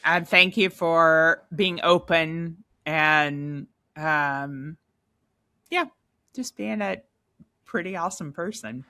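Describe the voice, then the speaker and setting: Bright-voiced woman hosting a podcast. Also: deep voice, takes it slowly, dry recording, clean studio sound. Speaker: podcast host. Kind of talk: casual chat.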